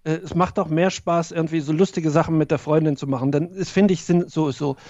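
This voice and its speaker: A man's voice: on the high side, steady tone, brisk, mellow, no room sound, dull audio. A man co-hosting a podcast, chatting casually in a rambling way. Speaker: podcast co-host. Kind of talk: casual chat.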